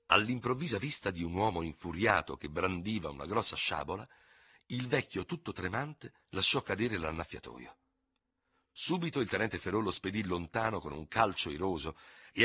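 A man narrating a novel in a dramatic, expressive reading style. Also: low voice, breathy edge, no echo, studio quality. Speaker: audiobook reader.

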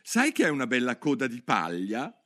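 A man's voice: mid-range voice, wildly swooping pitch, moderate pace, a bit bright. A man voicing a polite, precise little girl in a storybook reading. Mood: earnest. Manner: earnest, precise.

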